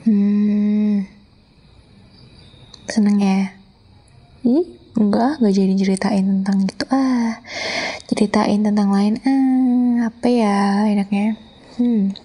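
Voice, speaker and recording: A woman with an Indonesian accent playing an affectionate, teasing wife in an ASMR role-play, intimate and soothing, soft and breathy as she coaxes a listener to sleep. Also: mid-range voice, steady tone, slow, pauses often. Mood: playful teasing. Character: affectionate teasing young wife telling bedtime stories.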